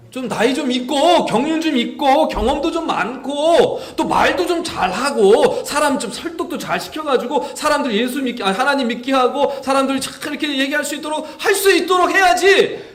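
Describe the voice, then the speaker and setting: A man preaching a Sunday sermon as pastor, lively and animated, acting out pleading voices and putting questions to the congregation. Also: very high-pitched, a little fast. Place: church sanctuary. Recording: echoey church hall.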